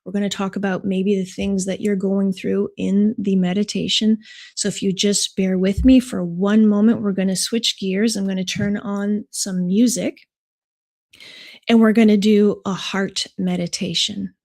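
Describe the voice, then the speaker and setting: A woman's voice: medium pitch, flat delivery, a little slow, darkish tone. A woman chatting casually and animatedly to live viewers as the host of a meditation session.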